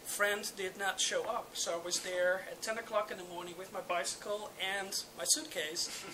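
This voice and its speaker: A speaker from the Netherlands with a Dutch accent, a native Dutch speaker, giving a relaxed, hesitant panel talk full of ums and uhs. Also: mid-range voice, moderate pace. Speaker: urban demographer on a panel. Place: public roundtable event. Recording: noisy event recording.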